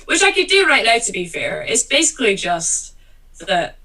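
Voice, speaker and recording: Guest, woman, bright voice heard from a distance on a call, rambling with many fillers. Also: fairly high pitch, big pitch swings, moderate pace. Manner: rambling, lots of fillers and repeated words. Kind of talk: casual conversation.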